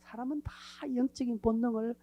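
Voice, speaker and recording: Animated woman preacher. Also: on the high side, fairly quick, no echo, dull audio. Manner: animated, acts out everyday conversations, drops to hushed near-whisper. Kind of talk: sermon. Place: church sanctuary.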